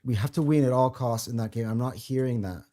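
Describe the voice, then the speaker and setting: This football podcast host speaks fast in a medium-pitched, dark-toned voice, rambling passionately and restarting as he goes in a casual chat.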